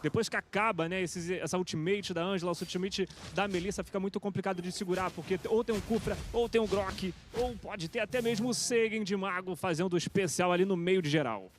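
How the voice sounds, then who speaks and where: A Brazilian man comments casually on an esports match in a high voice. His feed is clearly noisy, with clicking sounds. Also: a little fast.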